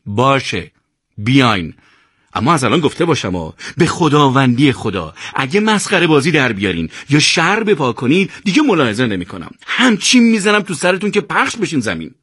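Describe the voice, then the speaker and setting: A man's voice: mid-range voice, animated, pauses often, fairly bright tone, dry recording, studio quality, close to an everyday voice. A man voicing an exasperated young male soldier who scolds and threatens his friends in a radio novel reading. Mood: scolding.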